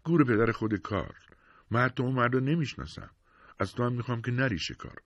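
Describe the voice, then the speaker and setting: A man's voice: medium pitch, expressive, dry recording, pitched above the performer's own voice, close to an everyday voice. A man voicing an anxious, upset young wife with a sick baby, pleading and insistent, in an audiobook reading.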